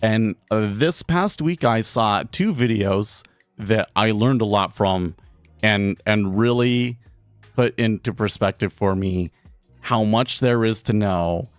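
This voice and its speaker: A man hosting a live day trading stream from his home office, talking casually and haltingly, often repeating words. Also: lowish voice, smooth, dry recording. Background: faint background music.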